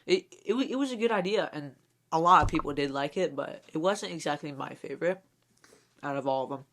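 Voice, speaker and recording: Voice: medium pitch, expressive, brisk, a bit bright, slight background noise. A podcast co-host in casual chat, hesitant and full of fillers, slipping in jokes. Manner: hesitant, filler-heavy, jokey.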